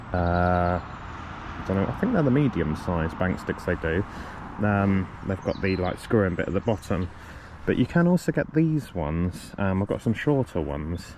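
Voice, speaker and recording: A man with a fairly low voice walks through his fishing kit in a loose, rambling way, full of ums and self-corrections. He has a bit of a cough. Recorded outdoors, with clear background noise behind him. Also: darkish tone. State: coughing a lot. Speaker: fishing vlogger. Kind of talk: casual gear walkthrough. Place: outdoors on a riverbank.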